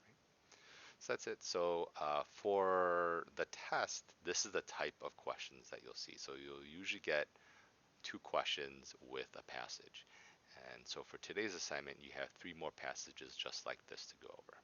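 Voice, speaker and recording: Lo-fi muffled sound, male teacher, very deep pitch, bright edge, informal lesson walkthrough, hesitant explanatory delivery, frequent check-ins. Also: normal speed. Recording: dull, lo-fi sound.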